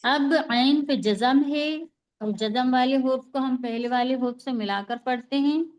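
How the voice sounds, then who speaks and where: A woman with a high-pitched voice teaches Quran recitation rules in an online class call at a measured pace. Patient and repetitive, she repeats the rules and often checks in by asking "है ना?", meaning "right?".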